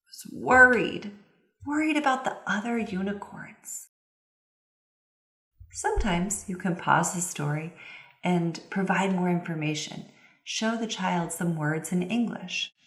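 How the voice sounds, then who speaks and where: In a roomy, reverberant recording, a woman with a lowish voice provides instructional voice-over for a signing presenter. She interprets the signed presentation, phrasing her explanations in a measured, clear way.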